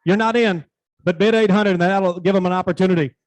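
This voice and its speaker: A man's voice: sits high, steady tone, fast, rough recording. A man working as an auctioneer, calling a live auction in an informal, folksy way with a repetitive bid chant.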